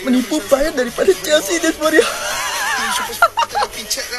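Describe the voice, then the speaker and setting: A man exclaiming in an excited reaction commentary, calling out to his viewers again and again. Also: extremely high pitch, a little slow, over loud music. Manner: exclaiming, repeats "guys".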